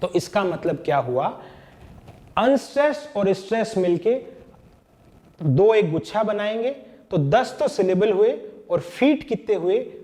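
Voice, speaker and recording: A man's voice: high voice, sing-song, measured pace, warm tone. A man teaching a lesson on poetry, patiently counting out syllables and stresses one by one. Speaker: literature teacher.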